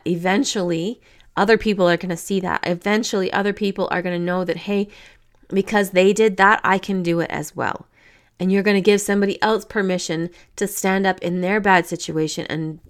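Female host, motivational talk; smooth, clear delivery in a lower register, casual and repetitive encouragement. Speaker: podcast host.

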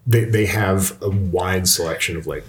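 Low-voiced man telling a story. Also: moderate pace, slight background noise. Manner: chatty travel anecdotes with detours. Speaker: podcast host. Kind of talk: casual storytelling.

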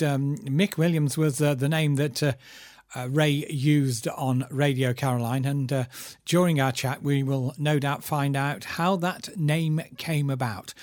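A man's voice: fairly high pitch, darkish tone, no echo, clean studio sound. A man hosting a podcast interview in a hesitant, conversational way. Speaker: podcast host. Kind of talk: casual interview introduction.

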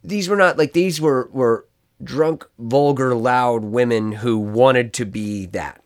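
A man's voice: medium pitch, takes it slowly. A man casually telling a long story on a podcast, rambling and cutting himself off with asides. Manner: rambling, self-interrupting, animated storytelling. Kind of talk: casual chat.

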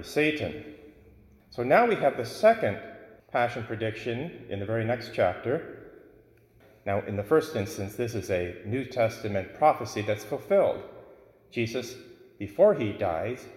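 A man speaking as a priest, reading the gospel and preaching in a solemn, deliberate way in an echoing, cathedral-like church. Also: on the low side, darkish tone. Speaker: priest giving a homily. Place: large reverberant church. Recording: echoey church with long cathedral-like reverb.

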